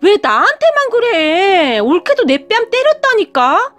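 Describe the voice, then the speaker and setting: A woman's voice: very high voice, big pitch swings, normal speed, a bit bright, voice pushed up, exaggerated voice. A woman voicing a spoiled, combative grown sister-in-law who whines and screeches. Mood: whining. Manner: screeching, whining.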